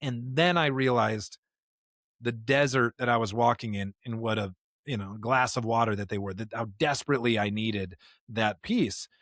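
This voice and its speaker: Heard close and dry with no echo, this man's mid-range, slightly bright voice runs at a normal speed. Conversational podcast talk keeps turning into preaching, as he emphatically repeats phrases and rhetorical questions to hammer his points.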